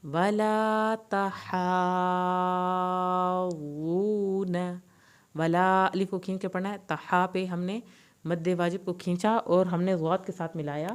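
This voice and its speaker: A woman teaching Quran recitation, slowly drawing out verses and then briskly explaining pronunciation rules. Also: lowish voice, fairly even intonation, darkish tone. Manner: slow drawn-out recitation alternating with brisk explanations.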